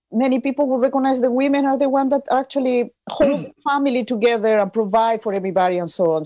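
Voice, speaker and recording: A woman from Chile interviewing a guest, speaking in a measured way with some hesitant fillers. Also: medium pitch, mellow, no room sound. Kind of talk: conversational interview.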